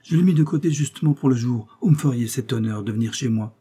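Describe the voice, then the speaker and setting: A man voicing an excitable Italian male host who pleads agitatedly and turns furious, in a storybook reading. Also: medium pitch, quick pace, husky, natural voice. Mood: effusive.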